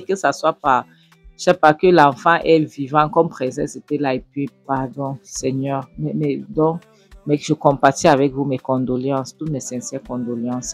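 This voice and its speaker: A woman casually retelling a film scene, emotional and exclaiming, going quiet when moved. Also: sits low. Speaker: movie recap host.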